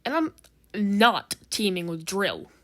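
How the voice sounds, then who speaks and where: A woman's voice: medium pitch, very animated, takes it slowly, a bit bright. A woman voicing an easily annoyed blue ink splat who answers rudely. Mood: irritable. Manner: rude, annoyed, snapping.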